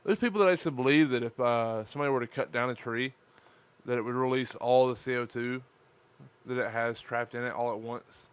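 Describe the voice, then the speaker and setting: Speaking fairly quickly in a smooth, mid-range voice, a sleep-deprived man co-hosts a casual podcast streamed live. He has a lisp and keeps things crude and profane, joking around and cursing without restraint.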